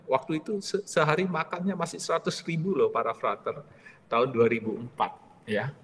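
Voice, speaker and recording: A man in his forties, a priest leading a retreat, telling a personal story in a lively way and tagging his sentences with "ya". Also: a little high, big-room sound, slight background noise.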